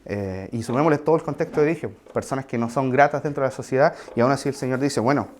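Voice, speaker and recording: A man delivers a sermon in an easy, conversational tone. He talks to the congregation directly, with asides and quick questions, at a middle pitch. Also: darkish tone, a little hiss or hum. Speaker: preacher.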